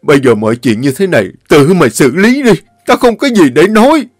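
A man voicing a stern, grief-stricken elderly father, scolding and shouting at his son. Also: medium pitch, animated, normal speed, no echo, clean studio sound, lightly acted. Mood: furious.

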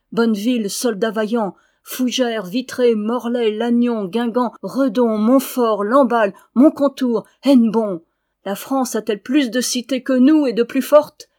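Lady reading a dying old lord in a storybook, loud impassioned lists, climbing higher. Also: lightly acted. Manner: impassioned, rising declamation. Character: dying old male Breton lord, prophetic. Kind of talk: audiobook character reading.

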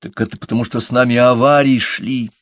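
A man's voice: medium pitch, fairly even intonation, a little fast, no echo, pitched above the performer's own voice, close to an everyday voice. A man voicing a thoughtful, earnest male hobbit who explains things carefully.

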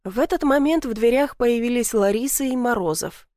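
A woman reads a first-person story aloud with expressive, wry delivery. Her voice is on the high side and the sound is close and dry, with no room around it. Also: moderate pace, no room sound. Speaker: audiobook reader. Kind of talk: first-person audiobook narration.

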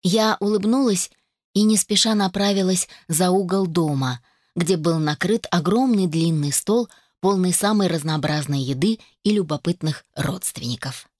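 A woman reads a first-person audiobook in a measured, wry storytelling manner. Her voice is slightly low and recorded close and dry. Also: darkish tone, no echo. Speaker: audiobook narrator.

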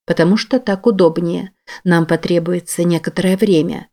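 A calm, commanding young woman in an audiobook who speaks firmly and without hurry, as a woman reader voices her. Her voice stays low and steady. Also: close to an everyday voice. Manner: calm, firm, measured. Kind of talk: audiobook character voice.

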